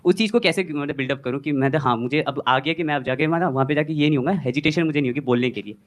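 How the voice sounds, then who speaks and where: Young man, student, audience question, fast, hesitant, rambling. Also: on the high side. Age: young adult. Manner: hesitant, rambling with many restarts. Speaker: audience member, medical entrance student.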